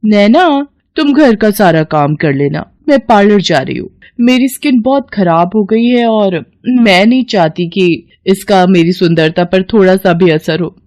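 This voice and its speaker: A woman voicing a vain, spiteful young sister-in-law in an animated story, loud and complaining. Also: medium pitch, measured pace, no room sound, natural voice. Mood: bossy.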